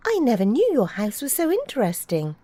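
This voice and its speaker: Curious young girl, lifted high, warm and eager, as a woman reading puts her on. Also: huge pitch swings, fairly quick, dry recording. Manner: chatty and eager.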